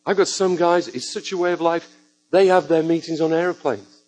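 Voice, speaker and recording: A man's voice: fairly high pitch, moderate pace, poor audio. A man preaching a sermon to a church congregation, telling stories with joking asides. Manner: lively storytelling with joking asides.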